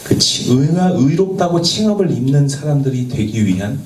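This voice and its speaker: The youth pastor here has a fairly high, darkish voice with lively intonation, preaching his sermon at a moderate pace. He addresses the young people earnestly with rhetorical questions and sometimes stumbles, then jokes about the slip. It's recorded from afar in an echoey church worship space with faint background noise.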